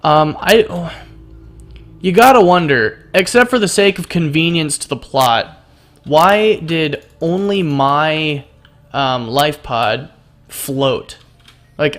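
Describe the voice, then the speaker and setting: A man's voice: fairly high pitch, fairly bright tone. A man giving rambling, sarcastic let's play commentary while playing a game at his desk mic. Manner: rambling and sarcastic, full of fillers. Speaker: gaming video creator.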